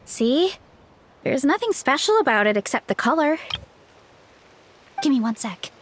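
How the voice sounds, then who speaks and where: A woman's voice: high-pitched, big pitch swings, unhurried, slight background noise. A woman voicing a cheerful, friendly young woman of a tribe who is a bit nervous about change. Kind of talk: game voice acting.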